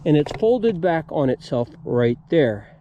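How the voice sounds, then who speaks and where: A man's voice: a little high, very animated, measured pace, muffled recording. An American man hosting a metal detecting video outdoors, talking viewers through each step in a casual, folksy way. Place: outdoors at an old homesite.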